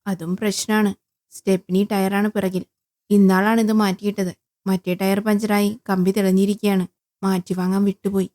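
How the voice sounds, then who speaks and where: Woman doing a firm stressed husband with a flat tyre, steady flat voice. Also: mid-range voice, moderate pace, lightly acted. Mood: explaining. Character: husband with a flat tyre, tense but calming.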